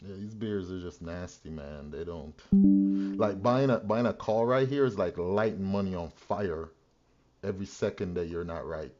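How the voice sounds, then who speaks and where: A man's voice: sits low, normal speed, a little mellow, faint music behind. A man working as a stock trader streamer, commenting live in casual, slangy talk full of swearing. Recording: muffled, lo-fi stream audio.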